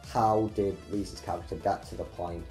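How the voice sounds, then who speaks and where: A man's voice: deep voice, steady tone, normal speed, warm tone. A young man hosting a casual behind-the-scenes chat about his film, chatty and self-deprecating. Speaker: filmmaker, channel host. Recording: roomy echo, faint music.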